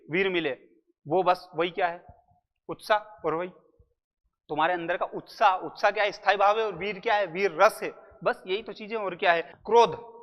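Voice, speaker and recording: High-voiced male teacher, jokey. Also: fairly bright tone. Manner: chatty, jokey, addresses students as brother. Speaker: Hindi grammar teacher. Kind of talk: casual exam-prep lecture. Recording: muffled lo-fi audio in a reverberant room.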